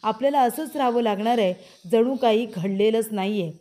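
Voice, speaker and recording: A woman voicing a young husband who keeps calming his wife and coaxing her to stay quiet. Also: fairly high pitch, brisk, lightly acted. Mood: soothing. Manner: soothing, coaxing, repeating pleas.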